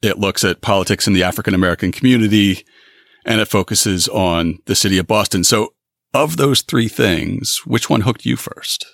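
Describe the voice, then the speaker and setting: A man hosting a history podcast, reading announcements and then interviewing a guest in a measured way. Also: fairly low pitch, gravelly, fairly bright tone, no echo, clean studio sound. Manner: measured, reads announcements then asks questions. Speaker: podcast host. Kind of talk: scripted podcast intro and interview.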